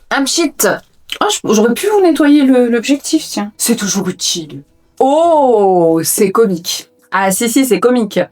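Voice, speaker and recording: A young woman chatting casually to her viewers while she sorts books in her room at home, joking about herself as she goes. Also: a little high. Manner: chatty, self-mocking, talks to viewers while sorting books. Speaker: booktuber tidying her reading room. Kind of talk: casual vlog chat while tidying.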